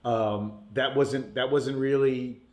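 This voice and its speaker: A man's voice: mid-range voice, fairly even intonation, slow pace, darkish tone. A man from Puerto Rico, raised in New York, chatting loosely as a podcast guest, laughing often and leaning on "like" and "you know.". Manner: laid-back, laughs often, many "like" and "you know" fillers. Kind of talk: casual interview chat. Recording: roomy echo.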